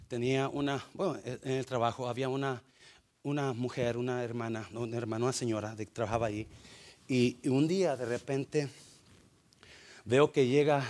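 A man preaching a sermon in a church, telling a story with big swings from loud to hushed. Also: mid-range voice. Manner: emotive, swings from loud to hushed, mixes in English fillers. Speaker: pastor.

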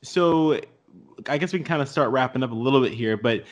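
A man co-hosting a podcast, wrapping up in a relaxed, loose way. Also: mid-range voice, a little fast. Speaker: podcast co-host. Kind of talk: casual podcast chat.

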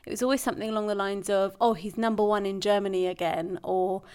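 A woman's voice: mid-range voice, steady tone, quick pace, a little mellow, clear, resonant tone. A young British woman in casual conversation, chatty and playful, often restarting her sentences. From Britain. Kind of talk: casual chat.

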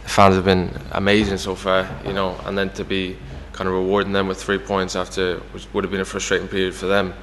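A man's voice: low-pitched, monotone, a little fast, hardly any pauses, fairly bright tone, big-room sound, a little hiss or hum. A young Irish man talking casually as the guest in an interview, full of fillers like "you know". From Ireland. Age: young adult. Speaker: footballer guest.

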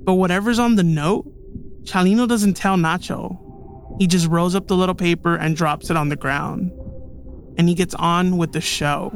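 A man's voice: high voice, steady tone, normal speed, noisy background. A man hosting a podcast, telling a true story in scripted documentary narration. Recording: music bed behind the voice.

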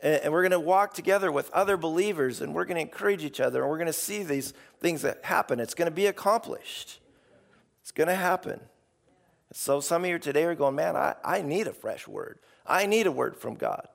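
Gravelly, creaky-voiced male preacher. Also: fairly high pitch, lively intonation, fairly quick. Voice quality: gravelly, hoarse. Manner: informal, emphatic, acts out imagined replies. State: voice starting to give out. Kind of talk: sermon, conversational exhortation to a congregation.

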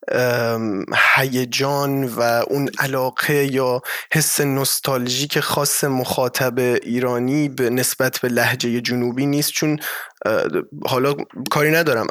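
A male musician answering interview questions in a thoughtful, measured way, pausing often on hesitation sounds. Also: medium pitch, fairly bright tone, no room sound, studio quality. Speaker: musician guest.

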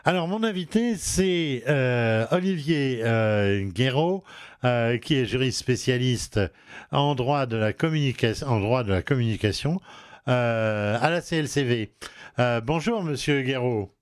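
A man's voice: mid-range voice, expressive, measured pace, smooth, no room sound, studio quality. A man with a regional French accent hosting a home advice talk show, hesitant with many fillers and restarts. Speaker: radio show host.

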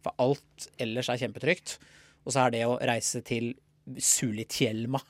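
A man, a stand-up comedian from southern Norway, chatting as a podcast guest, laughing often and bursting into loud mock quotes. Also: medium pitch, steady tone, dry recording. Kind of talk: casual podcast interview.

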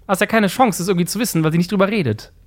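Higher-voiced man explaining confidently. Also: racing. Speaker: podcast co-host. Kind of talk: casual chat.

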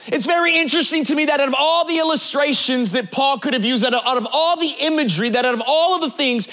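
In his late thirties, a pastor delivers a fast sermon in a very high, bright, ringing voice. He jokes with the congregation and addresses them directly, building his points through repetition and sing-song emphasis.

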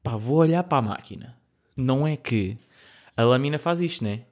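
Um jovem adulto com sotaque português europeu conta uma história num podcast descontraído. Fala de forma animada, com muitos risos pelo meio, e a voz tem altura média. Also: male voice, mid-range voice, moderate pace. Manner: lively storyteller, laughs often. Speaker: podcast co-host. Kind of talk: casual chat.

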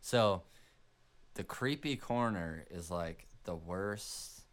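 Profane, animated low-voiced man podcasting. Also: slow pace. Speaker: podcast host. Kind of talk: casual podcast chat.

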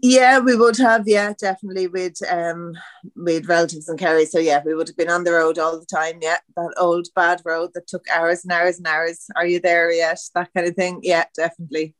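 A woman's voice: fairly low pitch, steady tone, fairly quick, no room sound. A woman from Dublin with a Dublin accent, a podcast guest talking freely and laughing often. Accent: Dublin Irish. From Dublin, Ireland. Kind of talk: casual interview chat.

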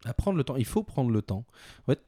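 A man's voice: mid-range voice, sing-song, brisk, mellow. A man being interviewed as a brand executive, answering in a hesitant way with many restarts. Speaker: executive director of a watch brand, guest.

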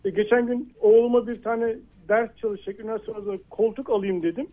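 A man's voice: high voice, fairly even intonation, quick pace. A middle-aged man calling into a radio show over a landline phone, earnest and hesitant, with lots of filler sounds, repeating his point. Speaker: caller. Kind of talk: call-in on a radio talk show. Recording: narrow tinny phone line.

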